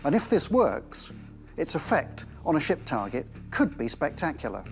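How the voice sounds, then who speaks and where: Higher-pitched male documentary presenter. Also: very animated, moderate pace, gravelly, over music. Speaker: expert presenter.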